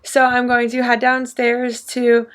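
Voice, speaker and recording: Bubbly young sorority woman, higher-pitched voice. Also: completely flat delivery, unhurried, fairly bright tone. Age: young adult. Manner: bubbly sorority-girl enthusiasm, gushing. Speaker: vlogger, sorority member. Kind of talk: casual vlog chat.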